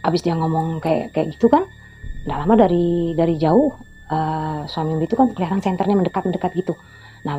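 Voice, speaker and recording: A storytelling vlogger in her fifties talks in a fairly low, dark-toned voice, telling a casual story in a meandering, chatty way and often going back over who said what. Faint music sits under the slightly dull lo-fi recording.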